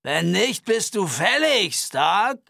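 A man voicing a gruff, grey-haired, aggressive cattle baron in a Western audiobook, curt and menacing. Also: high-pitched, very animated, slow, sharp tone, no room sound, clean studio sound, voice pushed up, heavily acted.

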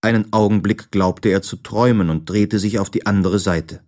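A man narrating a children's book in an unhurried, expressive storytelling manner. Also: fairly low pitch. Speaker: audiobook narrator.

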